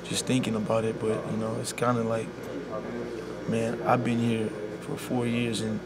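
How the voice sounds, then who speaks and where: A young man, a college basketball player speaking softly and sincerely in a media scrum, leaning on "you know.". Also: on the low side, completely flat delivery, normal speed. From Bahamas. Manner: soft-spoken and heartfelt, full of "you know". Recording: loud background noise.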